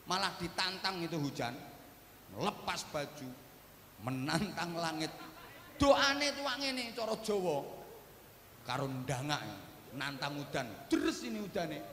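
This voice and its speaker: A man's voice: fairly high pitch, bright, forceful tone, slight background noise. A man with an East Javanese accent giving a humorous sermon at an outdoor village gathering, telling jokey stories and chanting short prayers. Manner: joking storyteller, mixes chanted prayers in. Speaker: Islamic preacher. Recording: echoey outdoor PA with long reverb.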